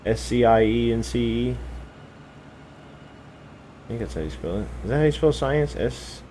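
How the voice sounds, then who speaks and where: Young American male streamer, mellow low voice, loose and rambling, hums of a fan under him. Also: expressive, normal speed, slight background noise, low-quality recording. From United States. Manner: rambling, hesitant, lots of fillers and self-corrections. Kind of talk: casual live-stream chat with chat readers.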